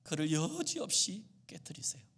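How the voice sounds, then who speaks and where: A male pastor preaching in a high voice that climbs and falls with great animation. He builds to loud, fervent exclamations, then sinks into hushed, murmured lines, and the whole delivery stays theatrical. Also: very animated, moderate pace, breathy edge. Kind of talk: sermon.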